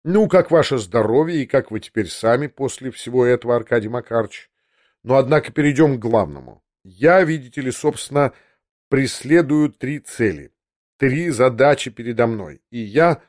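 A man doing a frantic, half-unhinged nobleman who gushes words in a scattered, breathless rush, stumbling over his own phrases. His voice rides higher and louder than the narration, in a dry, close sound with no room around it. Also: expressive, no echo, lightly acted. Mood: agitated. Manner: rushed, flustered, repeats himself. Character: feverish, agitated aristocratic man, hurried and scattered.

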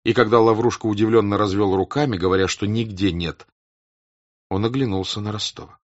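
A man reading a classic novel aloud as an audiobook narrator, in a measured, expressive way. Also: fairly low pitch, no room sound. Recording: dull dry close recording.

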